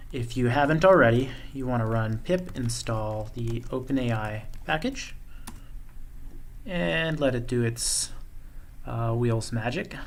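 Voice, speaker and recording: A man presenting a coding tutorial, thinking aloud in a relaxed way as he walks through code on screen. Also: mid-range voice. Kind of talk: screen-share coding walkthrough.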